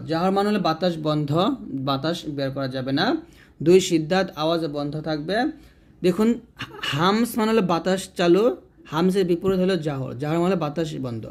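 Male recitation teacher, fairly high voice, patient, repetitive demonstrations. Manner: slow, repetitive, demonstrates letter sounds; addresses viewers directly. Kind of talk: tajweed lesson.

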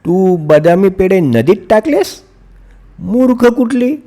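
A man voicing an excited, scolding village mother in a children's story. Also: high voice, slow, pitched above the performer's own voice, full character voice. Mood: shrill scolding.

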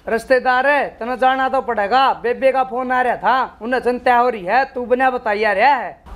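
A man's voice: very high-pitched, normal speed, fairly bright tone. A young man with a Haryanvi accent playing an exasperated, scheming brother-in-law in a village comedy skit. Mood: coaxing, fed up. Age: young adult. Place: open concrete house courtyard, outdoors. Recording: outdoor ambience, faint noise.

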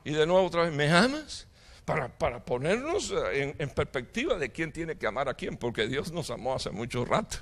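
A middle-aged man preaching a sermon as pastor, with impassioned preaching, sudden loud outbursts and jokes with the congregation. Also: fairly high pitch, sing-song, brisk, few pauses. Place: church hall.

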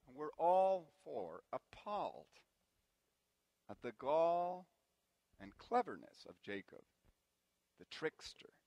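A man from Guatemala delivers a sermon in a church, weaving family stories into it with light, self-deprecating humor. His voice sits somewhat high for a man. The sound is close and dry, with little room echo. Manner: warm anecdotal storytelling with gentle self-deprecating humor. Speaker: preacher. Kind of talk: sermon with personal storytelling.

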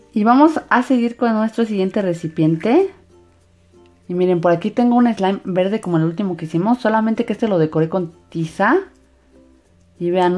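A woman's voice: lowish voice, a little mellow. A woman narrating a hands-on craft video for children in an enthusiastic, sing-song way. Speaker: host of a slime craft channel. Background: background music.

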